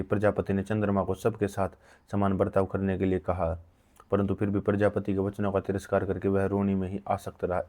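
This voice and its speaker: A man reading an old medical text aloud in a slow recitation, with frequent halts and restarts. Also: sits low, warm tone. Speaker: reader of an ancient medical text.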